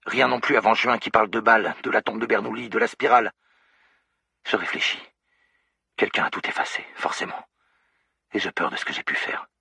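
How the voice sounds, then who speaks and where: Man voicing amnesiac young woman, halting diary entries, audiobook, deep, forceful edge, raspy tone, dry close sound. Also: no echo, heavily acted. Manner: halting, introspective diary-like reading. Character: lost amnesiac young woman, anxious and confessional. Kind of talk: audiobook character voice.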